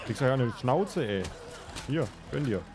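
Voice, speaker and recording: A man's voice: mid-range voice, expressive, a little slow. A man bantering casually over a video game in a joking, slangy way. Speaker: let's play commentator.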